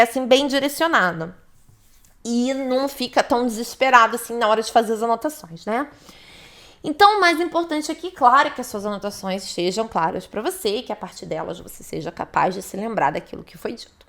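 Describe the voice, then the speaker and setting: A young woman teaching an online test-prep lesson, animated and chatty, often laughing and speaking directly to her viewers. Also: on the high side, fairly quick.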